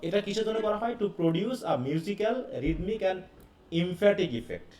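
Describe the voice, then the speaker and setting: A man teaches a class, talking students through each point and asking them questions as he goes. His voice sits a little high for a man. It comes from some way off in an echoey room with a faint hiss. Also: slow pace, darkish tone. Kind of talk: live class lecture. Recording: echoey classroom heard from a distance.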